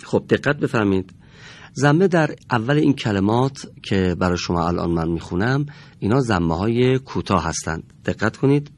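Demonstrating each sound for learners to repeat, this studio-broadcast Quran teacher is slow and patient. His lowish voice stays animated throughout.

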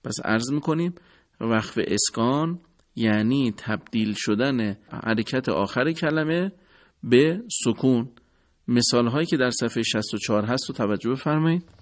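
A man gives a scripted radio lesson on Quran recitation in a formal, courteous manner. He walks through each rule step by step at a middling pitch. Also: animated.

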